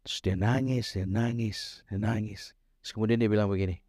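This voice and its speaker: A man preaching a sermon as pastor, mixing Indonesian and English, telling a story and slowing down to stress key points. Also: on the low side, fairly even intonation, darkish tone. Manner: switches between Indonesian and English mid-sentence; slows down for emphasis, storytelling delivery.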